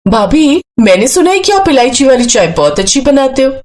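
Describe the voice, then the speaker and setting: A woman voicing a gentle, sweet-natured young woman with a bright way of speaking. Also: high-pitched, big pitch swings, brisk, slight background noise, voice pushed up. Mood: friendly.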